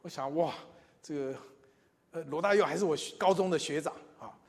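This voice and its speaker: A man, preaching and telling his own testimony, moving between loud emphatic lines and quiet asides. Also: fairly high pitch, brisk. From Taiwan. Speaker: church speaker. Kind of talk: sermon with personal testimony. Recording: long reverb in a large hall.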